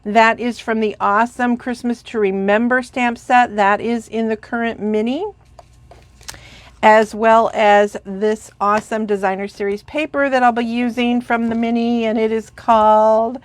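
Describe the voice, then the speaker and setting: A craft demonstrator with a fairly high, level voice talks at a measured pace in a dry recording. She's congested and sniffling as she chats through a crafting tutorial, rambling with plenty of fillers and gushing over her supplies.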